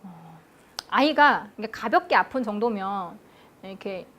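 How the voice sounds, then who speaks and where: A woman preaching an afternoon church sermon, putting questions to the congregation and answering them herself with a steady "yes.". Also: medium pitch, a little slow.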